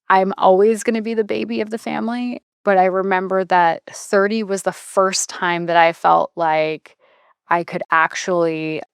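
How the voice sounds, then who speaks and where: A woman's voice: on the low side, smooth, dry recording, clean studio sound. A woman in her thirties hosting a podcast, talking in a reflective, chatty way that often trails off and restarts. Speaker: podcast host. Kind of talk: casual podcast conversation.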